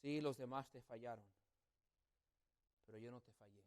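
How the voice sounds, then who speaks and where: A man's voice: medium pitch, steady tone, normal speed, darkish tone. A man preaching a sermon as a pastor, telling a story and acting out family members' voices. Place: church sanctuary.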